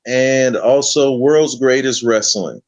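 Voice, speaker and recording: A man hosting a casual late-night chat, talking in relaxed slang and stretching out his hype. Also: medium pitch, no room sound. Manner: laid-back slangy, drawn-out hype. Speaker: host.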